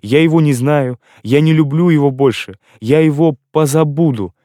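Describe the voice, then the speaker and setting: For an audiobook, a man pitches his voice fairly high, above his own, to play a heartbroken young girl pleading and protesting through tears. The delivery stays warm and natural at normal speed, distraught and breathless, recorded in studio quality without echo.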